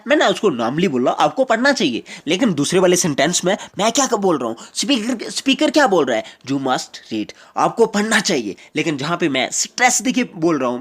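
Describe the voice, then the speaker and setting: A man from Jammu and Kashmir, a teacher giving an explanatory grammar lecture and repeating each point slowly with English examples. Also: high voice, a bit bright.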